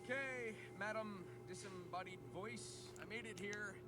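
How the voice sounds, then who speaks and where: A man's voice: high voice, unhurried, pushed and bright. A man voicing a cocky, upbeat young hedgehog hero in a video game, with a breezy, confident delivery. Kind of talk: scripted video game voice acting. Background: game music.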